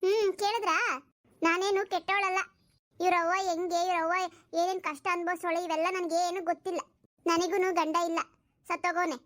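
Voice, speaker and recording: Woman playing a defensive, weary young stepmother for a cartoon, pitched very high. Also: little pitch movement, fairly quick, a bit bright. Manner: defensive, pleading her innocence. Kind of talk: cartoon voice acting.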